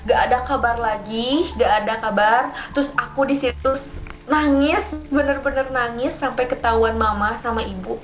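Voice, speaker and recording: High-voiced woman with a lilt. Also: normal speed, echoey room. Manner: animated, acts out dialogue in raised voices. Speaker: podcast guest. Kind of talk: casual storytelling.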